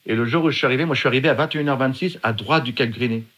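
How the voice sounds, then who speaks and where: Racing along at medium pitch, a middle-aged man from France recounts a personal story as a guest. His telling is dramatic, vivid and emphatic, and he performs the shouted quotes.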